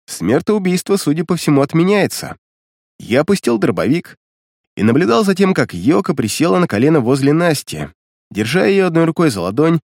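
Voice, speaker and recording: A man's voice: medium pitch, darkish tone, no room sound, clean studio sound. A man narrating a first-person action story with vivid, dramatic storytelling. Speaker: audiobook narrator.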